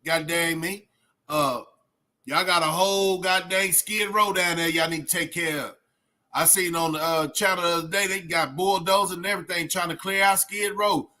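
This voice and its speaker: A Texan man hosts a casual reaction livestream, giving his opinions straight to viewers in streetwise slang peppered with "man" and "bro." His high-pitched voice is bright and forceful, with fairly even intonation at a normal speed.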